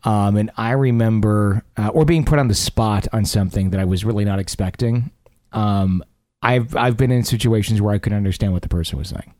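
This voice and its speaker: A man's voice: fairly low pitch, fairly quick, darkish tone, no echo. A man hosting a talk show, speaking in a casual, conversational way into a close studio microphone.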